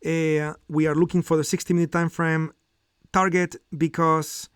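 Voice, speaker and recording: A man's voice: a little high, flat delivery, moderate pace, smooth, no room sound, clean studio sound. A middle-aged man hosting a live trading lesson, explaining step by step with frequent fillers and "okay?" check-ins. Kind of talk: live market commentary and teaching.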